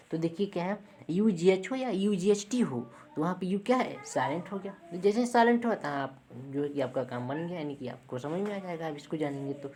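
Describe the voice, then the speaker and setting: This woman speaks in a mellow, fairly low voice while walking her class through a lesson one step at a time. She goes over points again and pauses after each one to ask the students "ठीक है".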